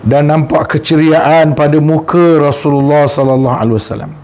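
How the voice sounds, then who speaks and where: A Malaysian man preaches to schoolchildren in a slightly high voice, his Malaysian Malay accent clear. He tells the story slowly and carefully, repeating and rewording phrases as he goes. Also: fairly even intonation, darkish tone, a little hiss or hum. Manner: slow, deliberate, repeats and rephrases phrases. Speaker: religious teacher.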